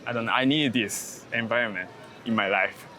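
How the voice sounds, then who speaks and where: Interviewed outdoors in a crowded city park, a Japanese street photographer chats casually in accented English, frequently pausing to find words. He has a medium-pitched, bright, forceful voice at a moderate pace, with traffic and urban noise around him.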